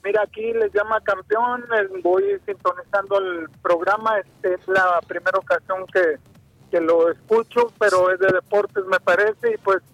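A man's voice: high voice, animated, moderate pace, fairly bright tone, dry recording. A man calling in by phone to a sports show, chatting casually and hesitantly with fillers and restarts. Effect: heard over a phone line. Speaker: caller to a sports radio show. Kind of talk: casual call-in opinion.

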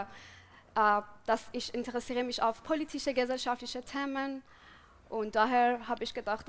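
A woman from Iran co-hosting a podcast, speaking German, slowly and searching for words. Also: a little high. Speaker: podcast co-host.

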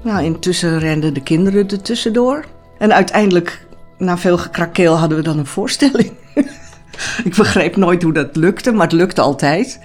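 A woman's voice: fairly low pitch, expressive, moderate pace, darkish tone, faint music behind. An older woman who once lived in a commune, recalling the old days in an interview, chatty and hesitant. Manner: chatty, hesitant, many fillers and restarts. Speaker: former commune resident. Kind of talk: reminiscing interview.

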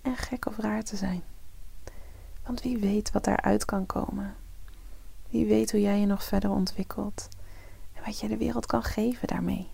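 Female meditation host, soft spa-style whisper, breathy and mellow, heavy creak, very dry close sound. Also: medium pitch, steady tone, no room sound. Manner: soft, breathy half-whisper, slow and soothing. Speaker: host of a morning meditation podcast. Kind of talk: guided morning meditation, soft soothing ASMR-like delivery.

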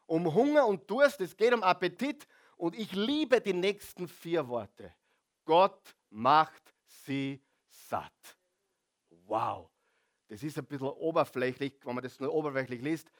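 A male pastor preaching a sermon, drawing out key words and asking the congregation to repeat phrases after him. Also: a little high. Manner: calls on the congregation to repeat phrases, drawn-out emphasis.

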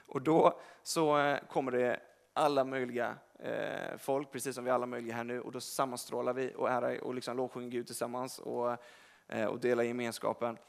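A man's voice: mid-range voice, flat delivery, vocal fry. A young man giving a casual, rambling sermon in a church, speaking directly to the congregation and correcting himself as he goes. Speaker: preacher. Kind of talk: informal sermon. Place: church service hall.

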